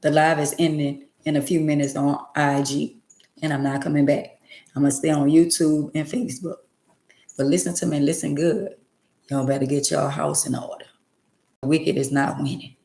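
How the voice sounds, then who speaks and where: A woman's voice: low-pitched, level tone, normal speed, creaky, warm tone, echoey room. A woman around sixty, talking emphatically and repetitively in a preachy, casual way on her livestream. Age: 60s. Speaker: livestream host.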